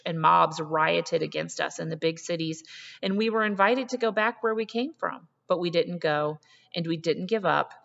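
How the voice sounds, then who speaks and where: A woman voicing an elderly, indignant but compassionate vice principal in a storybook reading, with earnest, deliberate, emphatic phrasing. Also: low voice, vocal fry, fairly bright tone. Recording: muffled, long hall reverb.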